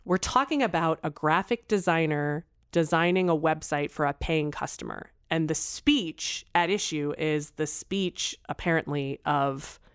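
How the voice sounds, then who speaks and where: A woman's voice: low-pitched, clean tone. A woman co-hosting a podcast, discussing court rulings in a sarcastic, emphatic way. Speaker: podcast co-host. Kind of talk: casual legal discussion.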